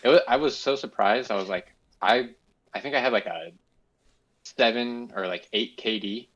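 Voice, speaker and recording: A man co-hosting a gaming podcast, talking in a playful, rambling way with lively jumps in pitch. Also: moderate pace, dull audio. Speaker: podcast co-host. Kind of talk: casual gaming chat.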